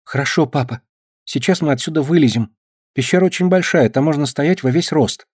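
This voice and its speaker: A man voicing an excitable little farm boy who talks eagerly in a high, shrill voice. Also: a little fast, breathy edge, no echo, clean studio sound. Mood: earnest.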